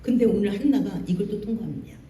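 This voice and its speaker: A pastor preaching a Sunday sermon, lively and colloquial, acting out scenes with jokes and emphasis. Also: mid-range voice, fast talker. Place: church sanctuary. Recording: distant echoey church hall.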